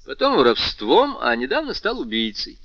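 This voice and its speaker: A man voicing a calm, courteous young male defendant who answers with cool mockery, in a storybook reading. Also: mid-range voice, moderate pace, no echo, lo-fi sound, exaggerated voice. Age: young adult. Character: young male defendant, coolly insolent and polite.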